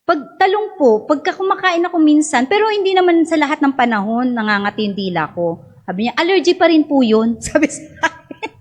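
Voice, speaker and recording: A woman's voice: sits high, animated, brisk. A middle-aged woman from the Philippines telling a personal story to her congregation in a chatty way, laughing often and acting out the people she quotes. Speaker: speaker sharing a personal story.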